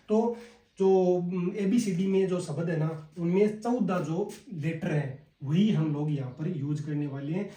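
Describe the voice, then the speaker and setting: A man with a Hindi accent teaching a casual spoken lesson, drilling words slowly one by one and calling his viewers brother. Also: fairly high pitch, dark tone. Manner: slow and repetitive, drilling words one by one, addresses viewers as "bhai". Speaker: language teacher. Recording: echoey room, voice a bit far from the mic.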